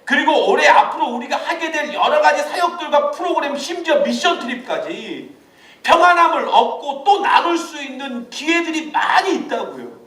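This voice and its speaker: A man preaching a sermon to a youth ministry, lively and laughing often as he acts out quotes. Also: very high-pitched. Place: church hall. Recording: echoey room, mic at a distance.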